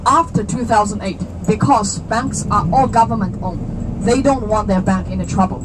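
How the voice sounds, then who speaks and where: Speaking at a moderate pace in a mid-range voice, a woman in her thirties from China guides a walking tour, her Chinese accent clear. She's chatty and explanatory, asking questions and making jokes, with traffic noise coming from the street.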